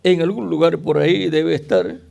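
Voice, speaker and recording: Male preacher, high gravelly voice, deliberate sermon pacing. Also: big pitch swings, darkish tone. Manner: slow, deliberate preaching with rhetorical questions to the congregation.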